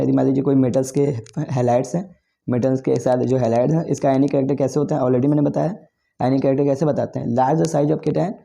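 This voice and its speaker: A man's voice: medium pitch, vocal fry, mellow. A man teaching chemistry for an exam, explaining step by step with many repeats and self-corrections. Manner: repetitive, self-correcting explanation with frequent 'theek' and 'okay'. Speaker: chemistry tutor. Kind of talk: exam-prep lecture.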